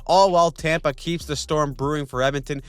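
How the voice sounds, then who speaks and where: A man's voice: on the high side, steady tone, brisk, fairly bright tone, clear, resonant tone, no room sound. A young man narrating a scripted weekly hockey recap with snarky, slangy jokes. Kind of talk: scripted sports recap voice-over.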